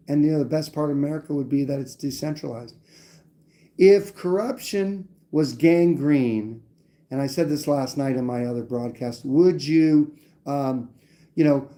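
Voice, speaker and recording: A man's voice: medium pitch, mellow. A man hosting a live stream, talking politics in a blunt, rambling way, with some swearing. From New Hampshire. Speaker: livestream host. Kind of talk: casual political talk.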